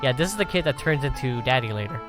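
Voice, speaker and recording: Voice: mid-range voice, animated, fast. Game streamer with music playing behind. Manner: theatrical, does voices for the characters. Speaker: livestreamer playing a story game. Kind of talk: reading game dialogue aloud, with casual asides.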